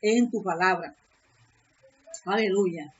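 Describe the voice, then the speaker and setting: A woman's voice: mid-range voice, slow pace, muffled recording, slight background noise. A woman pastor preaching a sermon with earnest repetition, calling out praise words between points. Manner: earnest preaching, repeats phrases, calls out "aleluya".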